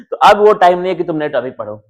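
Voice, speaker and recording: A young man teaching board exam strategy in a casual, chatty way, slowly reading English lines off slides. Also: sits high, sing-song. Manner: casual, addresses students as bhai and yaar.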